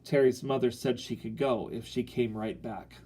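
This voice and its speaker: A man narrating an audiobook in an even storytelling manner. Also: medium pitch, normal speed.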